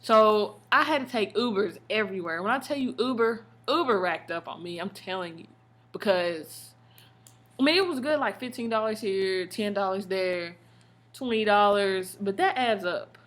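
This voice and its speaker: An American woman telling stories in a casual, slangy vlog style, expressive and full of emphatic asides. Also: mid-range voice, normal speed. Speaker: vlogger. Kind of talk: casual chatty storytelling vlog.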